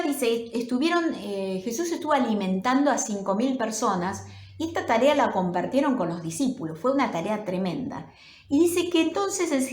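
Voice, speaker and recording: Animated Rioplatense woman pastor preaching. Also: a little high. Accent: Rioplatense Spanish. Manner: warm, animated storytelling with sudden excited bursts. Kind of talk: sermon. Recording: roomy echo.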